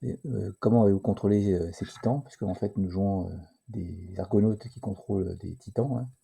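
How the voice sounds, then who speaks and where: Low, gravelly man explaining a board game. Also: mellow. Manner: hesitant, many filler pauses; reads game text aloud. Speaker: board game tutorial presenter. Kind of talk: casual board game tutorial.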